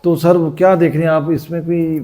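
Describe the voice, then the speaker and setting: A man's voice: a little high, level tone, warm tone. A man with a Pakistani Urdu accent hosting an interview, asking questions and agreeing often, respectfully. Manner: deferential, frequent agreeing. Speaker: interview host. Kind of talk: interview and show sign-off.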